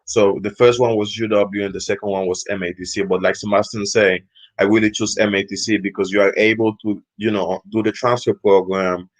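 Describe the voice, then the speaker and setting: Here a student from Equatorial Guinea, a young man, gives laid-back interview answers in a low, easygoing voice. He talks fairly fast and wanders a bit, leaning on filler words.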